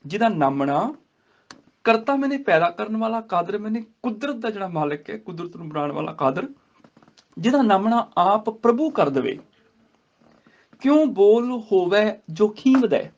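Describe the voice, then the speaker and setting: A man teaching a scripture grammar class at a gurdwara, chanting verses slowly and then explaining them word by word. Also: sits high, lively intonation, creaky. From India. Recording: dull lo-fi recording.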